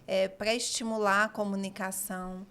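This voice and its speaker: Uma mulher coapresentando um podcast, conversando de forma descontraída e completando as frases das outras. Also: female voice, medium pitch, flat delivery, moderate pace, fairly bright tone. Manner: finishes others' sentences, frequent agreement. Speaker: podcast co-host. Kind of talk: casual podcast chat.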